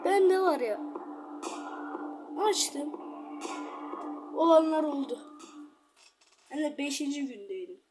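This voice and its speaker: A high-pitched woman gives loose, excitable commentary as she plays a game, calling out to her viewers as she goes. Clear game music plays loudly behind her voice. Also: slow, long pauses. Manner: chatty, excitable, talks straight to viewers. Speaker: gaming channel host. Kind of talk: casual gameplay commentary.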